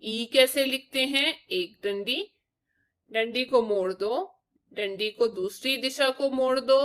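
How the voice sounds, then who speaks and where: A woman's voice: mid-range voice, a bit bright. A young woman teaching young children to write letters, explaining each step patiently and asking them questions. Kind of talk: children's Hindi lesson.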